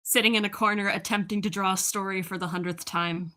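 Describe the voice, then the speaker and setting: A woman's voice: medium pitch, fairly even intonation, a little fast, bright, forceful tone. A woman playing in a tabletop role-play, laughing often as she talks. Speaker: player.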